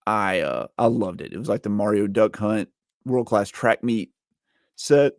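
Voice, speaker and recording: Low-voiced man in his forties. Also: measured pace, vocal fry, a little mellow, no echo, studio quality. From Alabama, United States. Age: 40s. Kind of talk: casual conversational storytelling.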